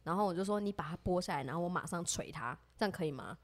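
A woman with a Taiwanese Mandarin accent, co-hosting a podcast and telling a story in an animated way, acting out what her friends said. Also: racing. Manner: animated, acts out quoted friends with rising pitch. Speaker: podcast co-host. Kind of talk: casual storytelling chat.

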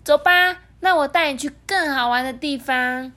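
Woman voicing a squeaky, bubbly young penguin for a storybook, eager and chirpy. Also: normal speed, slight background noise. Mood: cheerful. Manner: chirpy, excited.

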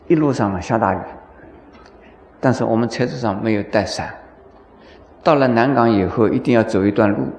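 A man's voice: fairly low pitch, a little mellow, reverberant. A Buddhist monk teaching a dharma lecture, telling stories and acting out dialogue with chuckles, often asking his listeners questions. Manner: storytelling, acts out dialogue with chuckles; asks the audience questions.

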